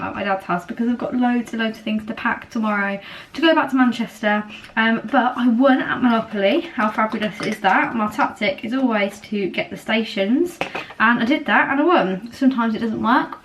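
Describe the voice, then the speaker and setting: A woman in her twenties chatting casually to her camera at home, rambling a little and filling pauses with ums. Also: a little high, rough recording. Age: 20s. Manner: chatty, rambling, many fillers. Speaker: vlogger. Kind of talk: casual vlog chat. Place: at home, indoors. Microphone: camera on a small tripod.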